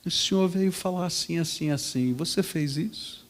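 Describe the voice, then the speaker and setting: Stern quiet dad, a man putting him on in a sermon story: low, firm, unhurried. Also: close to an everyday voice. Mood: firm, calm. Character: stern calm father disciplining his young son.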